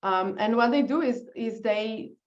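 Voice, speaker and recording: A woman's voice: a little high, measured pace, dull audio. A woman from Brazil with a Brazilian Portuguese accent, a guest in a casual interview who laughs often and sometimes searches for words. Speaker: guest, business founder.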